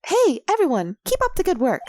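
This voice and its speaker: A woman voicing an eager, bubbly teenage girl with a high, jumpy voice. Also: huge pitch swings, brisk, a little mellow, slight background noise, exaggerated voice.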